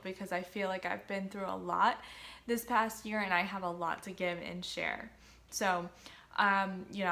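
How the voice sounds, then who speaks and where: A woman's voice: mid-range voice, a bit bright. A young woman fitness vlogger talks informally and somewhat hesitantly to her viewers in a casual chat to camera.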